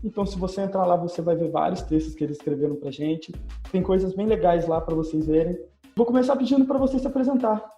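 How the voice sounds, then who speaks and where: A podcast host, a man with a fairly high but mellow voice, speaking upbeat straight to his listeners. The recording has a roomy echo around him. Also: quick pace, muffled recording, faint music behind. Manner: upbeat, addressing listeners directly. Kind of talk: podcast hosting.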